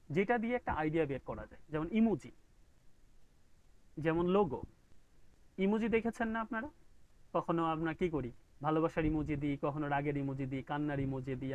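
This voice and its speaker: Man teaching over a noisy video call. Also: on the high side. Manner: explains step by step and keeps checking understanding. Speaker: graphic design instructor. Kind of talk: online class lecture.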